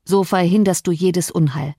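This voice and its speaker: A woman voicing a brooding, domineering and violent grown man in an audiobook, forceful and threatening. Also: lowish voice, steady tone, normal speed, no echo, clean studio sound. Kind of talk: audiobook reading.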